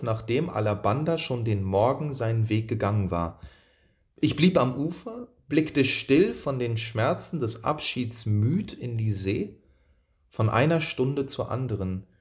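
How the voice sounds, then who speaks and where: Guy reading old prose for an audiobook, slow and lyrical, mid voice. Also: medium pitch. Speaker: narrator.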